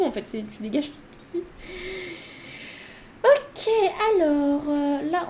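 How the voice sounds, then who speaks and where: High, mellow-voiced woman gaming host. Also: a little hiss or hum. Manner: chatty, talks to her character. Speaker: let's play host. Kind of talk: casual gameplay commentary.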